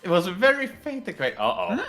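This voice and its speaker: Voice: mid-range voice, sing-song, a little fast, gravelly, a bit bright. A co-streamer chatting casually and playfully during a group game stream. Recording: music behind the voice.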